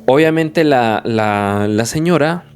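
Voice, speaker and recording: Slow-paced man telling spooky tales. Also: medium pitch, expressive. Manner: slow, measured telling with frequent restarts. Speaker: podcast host. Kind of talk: horror storytelling. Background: faint music.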